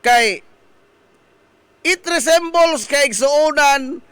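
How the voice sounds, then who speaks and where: A man's voice: extremely high pitch, very slow, dry recording. A man with a Visayan accent hosting a morning radio show, chatting playfully, singing lines and laughing. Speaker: radio host. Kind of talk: casual radio talk. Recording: loud music bed behind voice.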